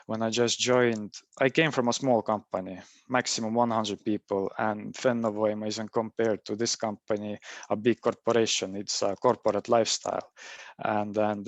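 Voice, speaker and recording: On a webinar career panel, a young Estonian man who works as a mechanical engineer talks in his Estonian accent, with no room sound in the recording. His voice sits fairly low, and he keeps stalling and restarting with "and, and."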